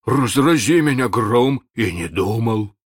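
A man's voice: medium pitch, expressive, takes it slowly, husky, no room sound, clean studio sound, voice pushed up. A man voicing a stubborn pirate sailor who grumbles his refusals. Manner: grumbling, then whimpering.

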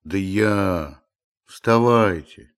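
A man's voice: deep voice, extremely slow, smooth. A man doing a grumbling old manservant. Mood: coaxing, scolding. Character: grumbling old male manservant, stubborn, coaxing.

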